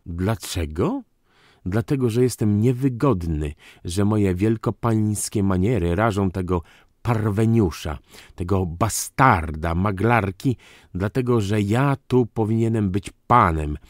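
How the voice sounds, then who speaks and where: A man reading an audiobook voices a proud, unstable aristocratic count who bursts out in indignant, theatrical shouts. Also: lowish voice, measured pace, dry recording, studio quality, pitched above the performer's own voice, close to an everyday voice. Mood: bitter. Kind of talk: audiobook character voice.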